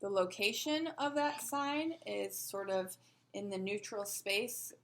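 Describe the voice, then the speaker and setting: A woman's voice: mid-range voice, expressive, slow pace, a little hiss or hum. A woman teaching a sign language lesson, patiently explaining and asking rhetorical questions as she demonstrates.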